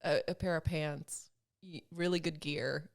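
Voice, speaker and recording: A woman in her thirties speaks as a podcast guest, her voice low and roughened by a steady gravelly fry. She talks casually and reflectively, thinking aloud and stopping for small fillers. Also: measured pace. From Sweden, grew up in Alabama. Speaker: podcast guest, film producer and motorcyclist. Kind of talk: casual conversational interview.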